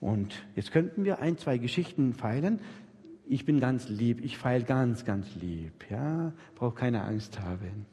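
A man with a mid-range, dark, breathy voice leads an interactive church workshop, speaking unhurriedly but with animation. He coaches the audience emphatically, repeats himself, and keeps checking they follow, captured on a live-recording microphone in a reverberant hall with a long echo.

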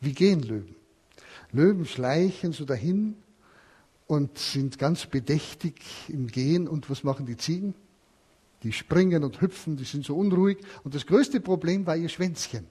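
A man's voice: on the high side, expressive, normal speed, mellow, breathy edge. A man preaching a sermon, telling a parable and asking his listeners questions. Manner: storytelling, asks the listeners questions.

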